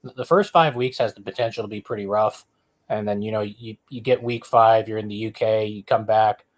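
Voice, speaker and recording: A man with a fairly low voice co-hosts a casual sports talk show. He speaks in a measured, analytical way and lays out his thinking step by step. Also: fairly even intonation. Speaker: podcast co-host.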